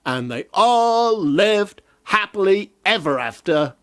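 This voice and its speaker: A man's voice: high-pitched, big pitch swings, takes it slowly, fairly bright tone. A man reading a children's fairy tale aloud in a playful way with jokey asides. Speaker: storyteller.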